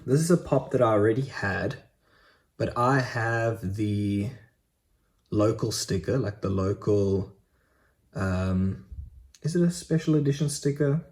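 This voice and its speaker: A man's voice: on the low side, a little slow, long pauses, a little mellow. Chatty young man showing off collectibles. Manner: chatty, enthusiastic, frequent ums. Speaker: Funko Pop collector vlogger. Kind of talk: casual unboxing vlog.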